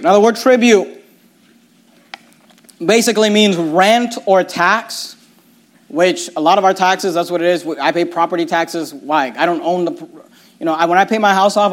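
A man's voice: high voice, moderate pace. A man preaching a sermon, reading scripture aloud and arguing his point with emphasis.

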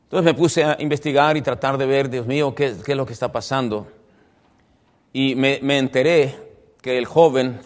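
A man, a pastor preaching a sermon, telling a story with dramatic swings between loud emphasis and hushed, low passages.

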